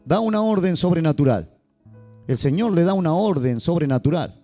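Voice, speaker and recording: Male pastor, warm lively sermon delivery, faint guitar underneath. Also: on the high side, normal speed. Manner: lively, joking asides to the congregation.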